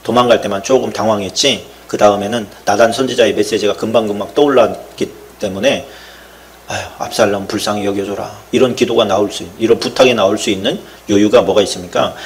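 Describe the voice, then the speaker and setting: A male pastor giving a sermon, telling a story and acting out its dialogue, rising to loud outbursts and dropping to near whispers. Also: mid-range voice. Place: church sanctuary.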